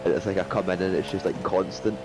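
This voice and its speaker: Casual male sim-racing teammate, deep voice, heavy engine noise. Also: fairly even intonation, fast talker. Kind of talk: casual banter during a sim race. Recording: loud engine drone over the voice. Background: loud vehicle hum.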